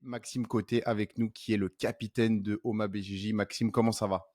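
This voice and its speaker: French-accented male interviewer, brisk and upbeat. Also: fairly low pitch, flat delivery, darkish tone. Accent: French (France). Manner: upbeat, brisk with short affirmations. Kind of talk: casual interview.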